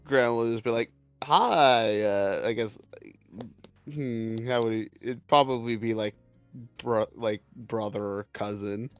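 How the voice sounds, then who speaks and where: A man's voice: mid-range voice, measured pace, clear, resonant tone, no room sound. A man chatting casually in a tabletop role-play game, hesitantly piecing his thoughts together aloud. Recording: dull lo-fi mic with music behind.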